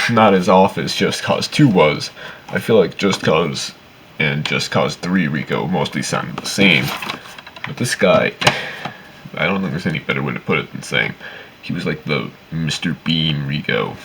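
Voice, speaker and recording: Man, extremely deep, creaky fry, casual opinionated game reviewer, rambling sweary complaints, faint noise. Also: measured pace.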